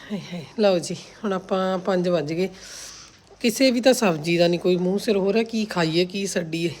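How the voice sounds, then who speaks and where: Speaking at a normal pace in a lowish, slightly mellow voice, this vlogger, a woman around forty, chats casually in a homely aunty manner, full of exclamations and complaints. The home vlog is recorded clearly outdoors in a farmhouse yard, with background noise and outdoor ambience audible.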